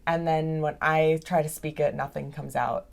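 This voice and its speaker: Over a video call, a young adult woman chats casually as a podcast guest, laughing often and sprinkling "like" throughout. Her voice is low-pitched and creaky, with fairly even intonation and a moderate pace.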